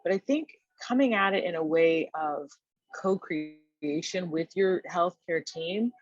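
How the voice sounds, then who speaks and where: A woman's voice: on the low side, unhurried. Woman, podcast guest, thoughtful, checks in with tag questions, muffled lo-fi sound. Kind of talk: podcast conversation.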